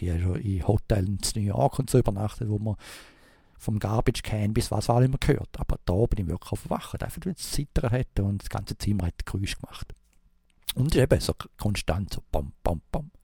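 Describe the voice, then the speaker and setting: A man with a Swiss German accent telling a rambling anecdote in a casual way, halting often with fillers and restarts and imitating thumping sounds. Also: fairly low pitch, gravelly, dark tone, husky, no echo, studio quality. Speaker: storyteller.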